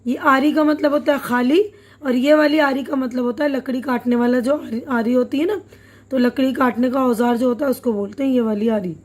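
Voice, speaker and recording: A woman's voice: high voice, steady tone. A woman teacher working through a textbook chapter, patiently explaining each word with simple glosses and checking questions. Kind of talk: reading through a textbook lesson.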